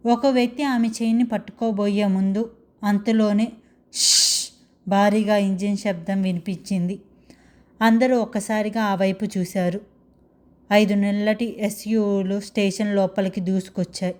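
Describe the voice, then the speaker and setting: A woman's voice: medium pitch, fairly even intonation, normal speed, warm tone. A woman narrating a dramatic love story in a scripted storytelling style.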